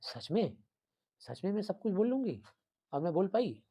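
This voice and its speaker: A man's voice: high voice, very animated, mellow, husky, pitched above the performer's own voice, full character voice. A man voicing a shy, timid village girl who stammers and halts over her words. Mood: anxious. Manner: stammering, halting.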